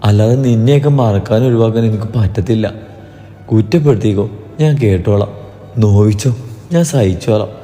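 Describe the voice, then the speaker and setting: A man voicing a remorseful young woman who pleads softly in a read-aloud story. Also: medium pitch, lively intonation, brisk, reverberant, big-room sound, soft background music, natural voice. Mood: pleading. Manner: pleading, soft.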